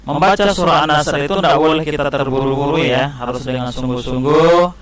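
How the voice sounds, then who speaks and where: A man's voice: a little high, brisk, rough recording. A man teaching young children how to recite and write a short scripture passage, explaining patiently step by step. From Indonesia. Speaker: Islamic studies teacher. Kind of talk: classroom lesson for children.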